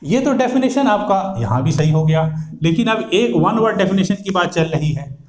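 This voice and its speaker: A man's voice: high-pitched, lively intonation, moderate pace, reverberant. A man teaching English grammar, repeating words, drilling pronunciation and quizzing his listeners. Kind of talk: classroom grammar lecture.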